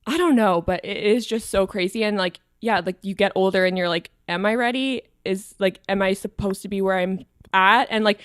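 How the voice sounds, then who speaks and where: A woman's voice: medium pitch, normal speed, few pauses, clear, resonant tone, no echo, clean studio sound. Woman in her twenties, rambling casual talk. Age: 20s. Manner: rambling, heavy "like" fillers, self-reflective. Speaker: podcast co-host. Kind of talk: casual chat.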